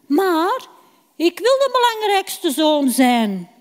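A woman's voice: extremely high pitch, sing-song, slow, exaggerated voice. Woman doing a coaxing scheming brother. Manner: coaxing, bargaining. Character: scheming younger brother, calm shepherd. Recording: reverberant hall.

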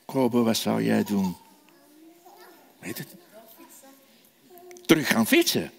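Animated storyteller for children. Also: male voice, fairly low pitch, takes it slowly, creaky, husky. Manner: animated, asks the children questions. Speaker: children's preacher. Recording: echoey hall reverb.

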